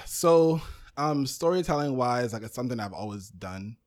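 With a mid-range voice, lively intonation and normal speed, a Brooklyn, New York man who founded a podcast network chats loosely as an interview guest. His casual talk is peppered with "um" and "you know".

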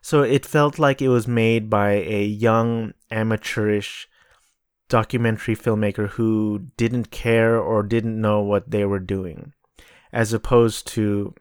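Male solo vlogger, slow rambling delivery, mid-pitched, dry close recording. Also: fairly even intonation, clean tone, dry recording. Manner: rambling, self-correcting, reads aloud from notes. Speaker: vlogger reviewing films. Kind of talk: casual solo commentary.

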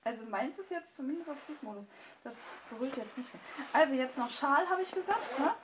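A woman's voice: sits high, lively intonation, brisk, roomy sound, noisy background. A woman podcast host chatting casually while getting dressed, singing bits and laughing, swearing playfully.

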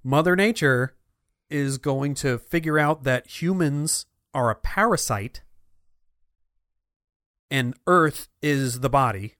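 A man co-hosting a casual podcast, his voice sitting at an ordinary middle pitch. He talks playfully, building absurd stories step by step, recorded close and dry. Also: slow pace, long pauses, a bit bright, no echo. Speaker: podcast co-host. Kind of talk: casual chat.

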